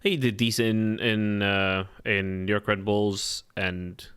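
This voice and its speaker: A man's voice: lowish voice, level tone, slow, fairly bright tone, clean tone, no echo. A man co-hosting a casual football podcast, chatting along with fillers and repeated words. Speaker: podcast co-host. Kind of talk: casual chat.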